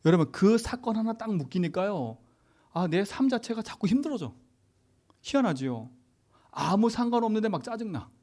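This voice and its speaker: A middle-aged man, a pastor, preaching a sermon in an animated, conversational way and putting rhetorical questions to the congregation. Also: high-pitched, normal speed.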